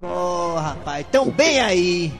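Brief: high-pitched male call-in host, teasing banter over a music bed. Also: very animated. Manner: teasing, playful, quick repartee with callers. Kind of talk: joking call-in radio banter. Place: radio studio.

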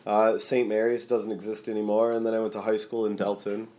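An American man chatting casually as a podcast guest in a laid-back stoner manner, high and a little tired. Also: flat delivery, brisk, warm tone. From Michigan, United States. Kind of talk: casual chat.

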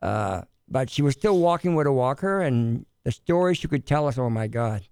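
Guy with a foreign accent, smooth voice, dry close sound, matter-of-fact casual talk. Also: medium pitch, expressive, normal speed, a little mellow, no echo. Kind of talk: casual chat.

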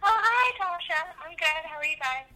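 A woman's voice comes through a phone line as she calls in to a podcast. She is from Pennsylvania and talks in a chatty, candid way, laughing easily. Her tone is bright and sharp, and her pitch moves around a lot. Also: expressive, moderate pace. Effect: heard over a phone line. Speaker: listener calling in.

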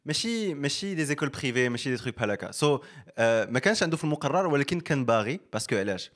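Rapid-talking Moroccan man, chatty. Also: medium pitch. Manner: animated storytelling, mixing French into his speech. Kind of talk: casual chat.

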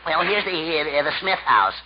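A man's voice: on the high side, very animated, moderate pace, loud music behind the voice. Give me a stammering, bumbling young errand boy. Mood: flustered. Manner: stutters heavily, hesitant, fumbling. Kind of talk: 1940s radio comedy acting. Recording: dull, hissy old radio recording.

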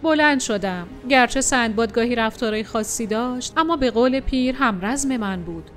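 A woman tells a first-person adventure story with expressive, dramatic delivery. Her voice is high, and faint music plays softly beneath the narration.

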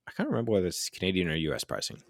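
A man chatting casually on a podcast, explaining things with lots of fillers like "like" and "um," often laughing and picking up energy when excited. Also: deep voice, very fast, vocal fry, no room sound, studio quality. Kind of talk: casual chat.

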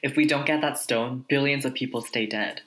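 A woman's voice: extremely low pitch, brisk, a little hiss or hum, low-quality recording. A woman playing a resolute, self-sacrificing female spy, teasing yet tender, in an amateur script read-through. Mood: tender, insistent.

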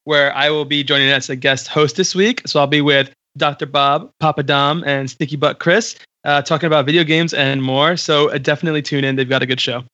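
A man's voice: a little high, fairly even intonation, a little fast, few pauses, bright, forceful tone, dry recording, lo-fi sound. A man chatting casually on a podcast in a wry, joking way. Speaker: podcast panelist. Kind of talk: casual chat.

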